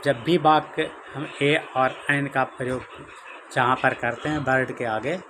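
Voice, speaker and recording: A man teaching English grammar in a lesson, explaining slowly and repeating each example. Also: medium pitch, noisy background. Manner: slow, repetitive explaining with drawn-out examples. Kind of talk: Hindi-language grammar lesson.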